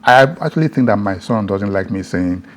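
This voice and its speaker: An older man from Benin in Nigeria, a broadcast journalist, reminiscing in a relaxed conversation and sometimes repeating words as he starts. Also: on the low side, moderate pace, a little hiss or hum.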